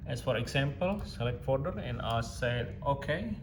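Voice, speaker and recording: An expressive man with a mid-range voice talks at normal speed while demonstrating audio digitisation software. It's a relaxed, step-by-step tutorial recorded in an echoing space with noticeable background noise.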